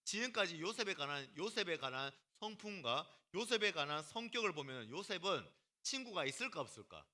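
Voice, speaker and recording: A man leads a youth-group sermon in a bright, high voice. His pitch jumps around a lot as he acts out little scenes. He calls on students by name and keeps the talk casual and teasing. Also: very animated, a little fast, hardly any pauses. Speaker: youth pastor.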